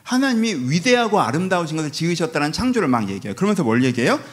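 Animated, fast-talking male preacher. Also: fairly high pitch. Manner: lively, conversational preaching with rhetorical questions and acted-out quotes. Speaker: pastor. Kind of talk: sermon.

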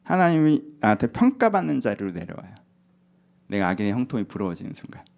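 A man's voice: fairly low pitch, very animated, fast talker, vocal fry, a little mellow. A man preaching a sermon in a casual, conversational way, acting out short asides. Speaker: pastor.

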